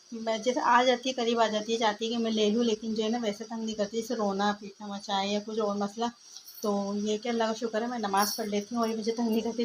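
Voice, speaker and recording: Young woman, home vlogger, flat and soft chatty delivery, noisy phone recording. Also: fairly high pitch. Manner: chatty, rambling with many fillers; speaks softly so as not to wake her child. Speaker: family vlogger. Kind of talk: casual home vlog. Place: home, indoors.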